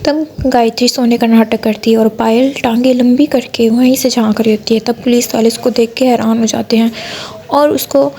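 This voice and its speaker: A woman's voice: a little high, steady tone, normal speed, mellow. A woman narrating a cartoon bedtime story, reading steadily with small slips and restarts.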